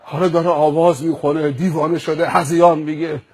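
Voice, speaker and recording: A male preacher telling a moral story in a sermon, animated and dramatic, piling up repeated phrases. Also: a little high, slightly rough.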